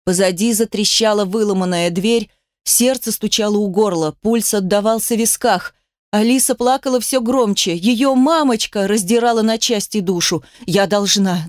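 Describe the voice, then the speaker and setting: A woman narrates a first-person audiobook with tense, emotional delivery. Her voice sits at an ordinary middle pitch. The recording is close and dry, with no room sound. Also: a little mellow, no room sound.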